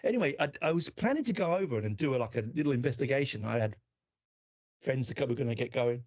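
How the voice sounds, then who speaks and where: A man's voice: medium pitch, expressive, fast talker, a little mellow. A man with an Australian accent telling a story in casual chat, acting out the quotes and swearing casually. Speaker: podcast guest or host. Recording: dull lo-fi sound.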